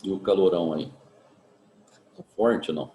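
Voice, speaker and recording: A man with a Brazilian Portuguese accent, a physics teacher giving a remote class in a relaxed, chatty way, full of tag questions. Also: sits low, normal speed, roomy sound, lo-fi sound. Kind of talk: remote class, casual chat.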